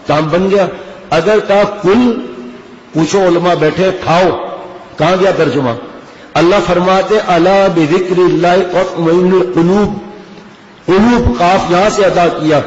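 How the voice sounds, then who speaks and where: Older man preaching in an echoey hall. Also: sits high. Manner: earnest, with rhetorical questions and quoted dialogue. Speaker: religious scholar giving a talk. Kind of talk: Urdu sermon. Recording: echoey hall, slightly dull sound.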